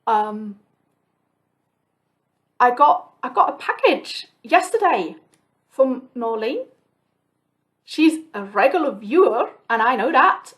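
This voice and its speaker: Alone at home, this chatty Swiss woman, a flosstube host and native Swiss German speaker, rambles to camera in a slightly high, somewhat bright voice. She's very animated yet takes it slowly, pausing often, musing aloud with lots of ums and restarts.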